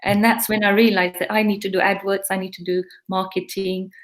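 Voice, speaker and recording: Speaking a little fast with a flat delivery at medium pitch, a middle-aged East African woman answers questions as a guest in a casual interview; she owns a pharmacy. Her accent combines East African and English, her tone earnest and reflective, and a slight hiss or hum sits under the audio.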